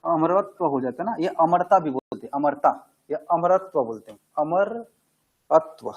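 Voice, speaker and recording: Male grammar teacher, high husky voice, asks and answers his own questions. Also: expressive, measured pace, dull audio. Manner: conversational, asks questions and answers them himself. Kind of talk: classroom grammar lesson.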